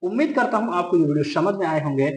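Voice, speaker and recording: A male teacher runs through a grammar lesson with a high, light voice, firing short questions and answering them himself. He slows down to repeat each rule word by word, and the sound rings around a roomy, echoey space. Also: lively intonation. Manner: drills students with quick questions he answers himself; repeats key rules slowly for emphasis. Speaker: English teacher. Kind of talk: grammar lesson explained in Hindi.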